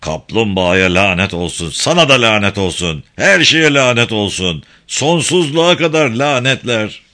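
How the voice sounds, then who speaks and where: A man's voice: sits low, a little fast, pushed and bright. A man voicing a grumbling, cursing male deckhand in an audiobook. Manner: swearing, complaining.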